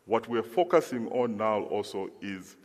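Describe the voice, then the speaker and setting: A middle-aged man from Zambia giving a measured conference speech, often restarting and repeating words. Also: fairly low pitch, animated. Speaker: conference speaker, former lawyers' association president. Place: large conference hall. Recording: long hall reverb.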